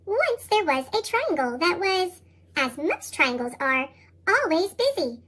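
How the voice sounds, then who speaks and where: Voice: very animated, measured pace, sharp tone. A reader with a sped-up chipmunk voice effect, reading children's picture books aloud in a bouncy sing-song. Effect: sped-up, high chipmunk-style pitch shift. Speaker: storybook reader.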